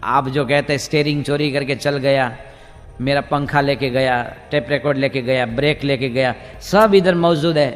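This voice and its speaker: A man's voice: mid-range voice, moderate pace, long reverb tail, faint music behind, natural voice. A man voicing a confident police constable who inspects a car and insists nothing is missing. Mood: assured.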